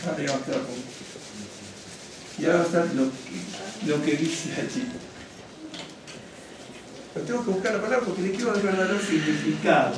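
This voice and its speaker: A man, a rabbi, giving a conversational sermon to his congregation. He is lively and digressive, keeps asking "¿no es cierto?", and gets carried away with enthusiasm. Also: on the high side, a little fast, long pauses, background noise. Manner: addresses congregation directly, gets excited. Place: synagogue hall. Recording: very echoey hall, mic at a distance, faint ambience.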